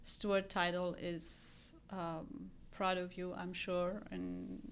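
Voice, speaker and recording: A woman's voice: fairly low pitch, little pitch movement, slow, slight background noise. A woman from Iran with an Iranian accent, a guest in a casual podcast interview, talking earnestly with frequent ums and restarts. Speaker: guest real estate agent.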